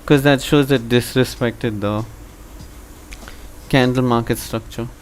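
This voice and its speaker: A man's voice: medium pitch, a little slow, a little hiss or hum. Laid-back man hosting a live stream. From India. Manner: relaxed, chatty, talks to viewers. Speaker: live trading stream host. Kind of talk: casual live-stream commentary.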